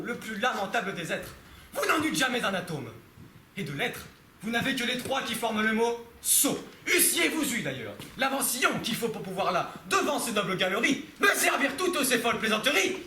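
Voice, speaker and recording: Proud theatrical swordsman; hammy verse delivery, piercingly bright, very animated, exaggerated tone shifts. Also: sits high, heavily acted. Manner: hammy, declamatory stage acting with exaggerated shifts of tone. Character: proud, witty, flamboyant swordsman mocking his own big nose. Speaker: drama student performer. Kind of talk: theatrical stage recitation of classic verse. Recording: echoey room with faint noise.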